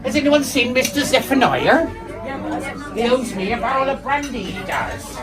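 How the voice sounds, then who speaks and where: A woman's voice: high-pitched, expressive, moderate pace. A woman playing a salty, sly old eighteenth-century smuggler in live costumed theatre, chummy and teasing in rustic dialect. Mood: nosy, teasing. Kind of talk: live costumed character acting for guests. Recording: distant voice under loud music and chatter.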